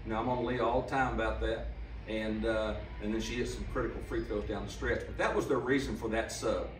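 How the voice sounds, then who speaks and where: Speaking briskly in a fairly low, steady voice, this older man is a head coach answering post-game press questions from a seat at a table mic on a stand. He's plainspoken and emphatic, repeating things to drive them home. A little hiss or hum runs under the roomy, slightly distant sound, with the camera placed some way back.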